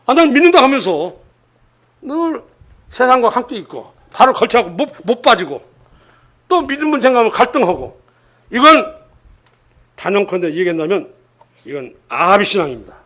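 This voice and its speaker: An older man preaching a church sermon. He keeps quizzing the congregation with rhetorical questions and swings between emphatic loud lines and hushed asides. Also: sits high, very animated, normal speed, long pauses.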